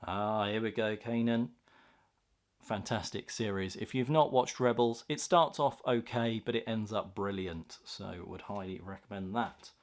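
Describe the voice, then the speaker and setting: With a lowish voice and a slightly slow pace, a man hosts a card pack opening video. He keeps it casual and eager, reacting aloud as he uncovers each card.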